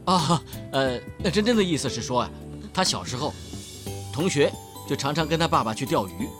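Fatherly middle-aged chairman played by a man, genial and eager, very animated delivery, television drama. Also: on the high side, moderate pace, over music, lightly acted. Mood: cheerful.

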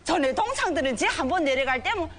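Woman as nagging high-pitched wife, Yanbian Korean accent. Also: animated, quick pace, fairly bright tone, a little hiss or hum. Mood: scolding. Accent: Yanbian Korean from China. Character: practical, scolding wife of the older man. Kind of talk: comic sketch acting.

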